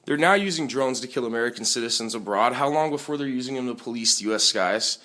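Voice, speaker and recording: A man's voice: medium pitch, lively intonation, fast talker, pushed and bright. A man giving opinionated political commentary for a homemade video. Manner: indignant, emphatic.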